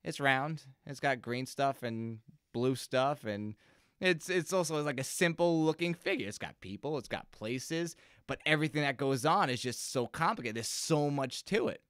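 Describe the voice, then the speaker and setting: A young man with a bright, ringing voice talks casually into a close podcast mic and tells stories about his gigs. His tone is smooth and clear. He slips into little quoted voices of the people he describes, and the sound is dry with no room around it. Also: mid-range voice, lively intonation, normal speed, no echo. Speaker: musician guest. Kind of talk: casual interview storytelling. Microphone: close podcast microphone.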